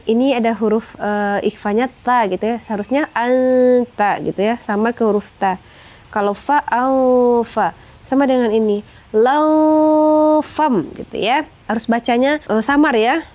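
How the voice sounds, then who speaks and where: A woman teaching Quran recitation rules, explaining slowly and singing verses in long melodic phrases. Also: high voice, a little mellow. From Indonesia. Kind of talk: tajwid lesson with sung recitation.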